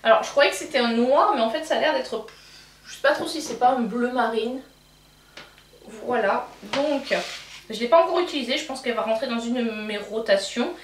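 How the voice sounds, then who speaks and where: A woman's voice: on the high side, normal speed, slight background noise. A young woman with a French accent reviewing a beauty box in a chatty way, full of fillers and restarts. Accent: French, self-described accent. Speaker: beauty vlogger. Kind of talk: casual unboxing review. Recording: echoey room, from a distance.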